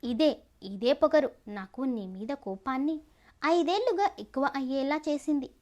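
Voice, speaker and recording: A woman's voice: high voice, unhurried, darkish tone. A woman voicing a cruel young male villain in an audio story, taunting and threatening. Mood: menacing. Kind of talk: storybook narration.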